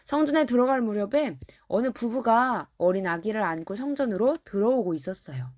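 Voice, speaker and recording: A woman preacher telling a Bible story to children in a gentle, direct way, often turning to speak to them. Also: fairly high pitch, lively intonation, a little fast, dry recording, studio quality.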